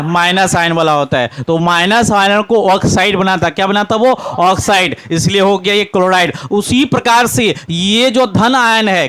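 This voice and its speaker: A man with a Bihari Hindi accent teaching a chemistry lesson, constantly asking his class questions and answering them himself, calling the students "beta". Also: sits high. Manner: grows louder and excited, cheering students on. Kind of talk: classroom lecture, call-and-response.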